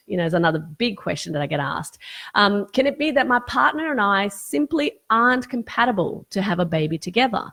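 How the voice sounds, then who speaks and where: A woman's voice: mid-range voice, fairly bright tone. A woman hosting a live-streamed question-and-answer session as a fertility specialist, losing her voice and explaining things earnestly with frequent fillers and restarts.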